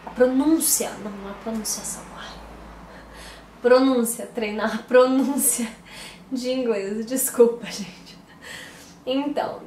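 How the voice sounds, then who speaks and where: Chatty Brazilian woman, slightly high voice. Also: a little mellow, roomy sound, a little hiss or hum. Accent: Brazilian Portuguese. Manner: chatty, corrects herself mid-sentence. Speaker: mom vlogger. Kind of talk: casual vlog chat. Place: at home, indoors.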